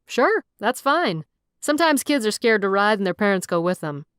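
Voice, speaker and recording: A woman's voice: medium pitch, sing-song, moderate pace, fairly bright tone, clear, resonant tone, no room sound, clean studio sound. A woman reading an audiobook voices a friendly, easygoing man running a fairground ride.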